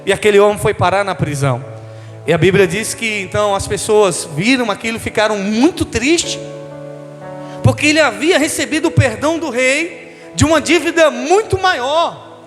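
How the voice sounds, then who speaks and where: A man's voice: high-pitched, a bit bright, in a large hall. A man, a bishop, preaching a sermon, calling the congregation "querido" and leading them in call-and-response. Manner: addresses listeners as "querido", leads call-and-response.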